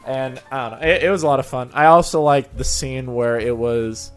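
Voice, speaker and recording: A smooth, mid-range male voice at a moderate pace belongs to a show host who also voices fan fiction audio. He rambles enthusiastically through a casual interview, with music playing under him.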